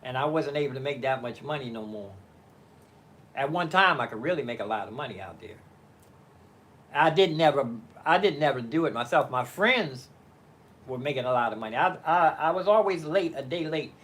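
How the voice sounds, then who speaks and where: Speaking at a moderate pace in a mid-range, slightly bright voice with lively intonation, an older man rambles through a casual live stream. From his living-room studio, he thinks aloud, halting often, using many fillers and starting over.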